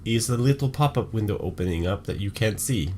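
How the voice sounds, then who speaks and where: Male player, fairly low voice, matter-of-fact, clear noise behind. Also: expressive, brisk, a little mellow. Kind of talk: casual chat.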